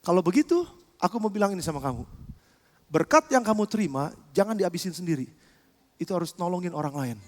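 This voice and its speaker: A preacher voicing a calm, gentle teacher, low and quiet. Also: male voice, fast talker.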